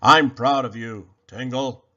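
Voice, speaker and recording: A man's voice: medium pitch, slow pace, sharp tone, lo-fi sound. A man voicing a proud, fatherly old Santa figure in a storybook, with a hearty delivery.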